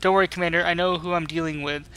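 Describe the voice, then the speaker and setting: A man voicing a grave, honorable older lord, reading video game dialogue in a formal, measured manner. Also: a little high, fairly even intonation, pushed and bright, clean tone. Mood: firm reassurance. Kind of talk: dramatic read-aloud of game dialogue.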